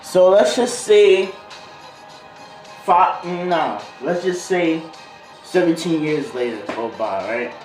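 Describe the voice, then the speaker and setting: Slow and animated, with long pauses, this video host's voice is a little high with a darkish tone. He rambles through a casual, improvised story in slang, veering into tangents, against a music beat and roomy echo.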